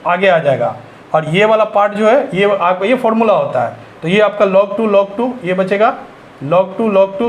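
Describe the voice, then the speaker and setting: A man's voice: high voice, a little hiss or hum. A man teaching maths for exam preparation, working through each sum step by step and answering his own questions as he goes. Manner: works through sums step by step, asks and answers himself. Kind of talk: exam-prep maths lesson.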